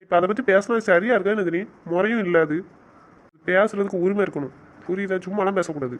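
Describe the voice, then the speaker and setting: A man's voice: high-pitched, fast talker, close to an everyday voice. Man playing an exasperated young fiancé on a call. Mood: coaxing. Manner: coaxing, reasoning, exasperated. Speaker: voice actor. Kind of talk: audio drama acting. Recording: dull lo-fi sound with faint noise.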